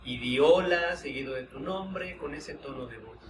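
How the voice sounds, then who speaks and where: A man guides a group through a mindfulness exercise, giving gentle, unhurried instructions with pauses. His voice sits a little high for a man. The recording is roomy and distant, with a steady hum of background noise from the hall. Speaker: workshop leader.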